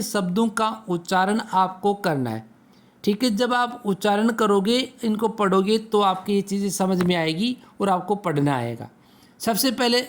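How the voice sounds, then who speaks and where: A man teaching a Sanskrit lesson to children, patiently asking questions and answering them himself. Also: high-pitched. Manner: slow, patient, asks and answers own questions.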